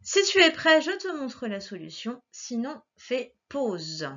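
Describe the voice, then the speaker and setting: Patient woman teacher, slow syllable dictation, lively pitch, slightly muffled home recording.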